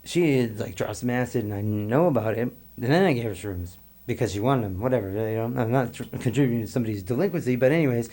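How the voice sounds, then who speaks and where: A man's voice: mid-range voice, fast, warm tone. A middle-aged man, a guest on a podcast, telling a long story in a rambling, profane way and laughing between lines. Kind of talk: casual storytelling.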